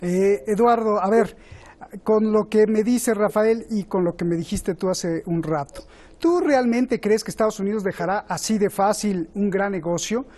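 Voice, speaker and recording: A man's voice: sits high, normal speed, a little mellow. A man hosting a political talk show, putting probing rhetorical questions to his guests. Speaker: host.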